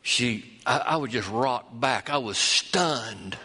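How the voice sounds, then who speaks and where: A man who is a pastor, preaching a sermon and telling a story, with hushed low passages and rising high peaks. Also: lively intonation, slow pace, breathy edge, big-room sound.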